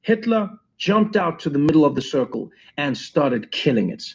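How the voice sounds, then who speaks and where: Expressive man reading a memoir aloud. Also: on the high side, normal speed. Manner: expressive storytelling. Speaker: audiobook reader. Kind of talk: first-person memoir narration.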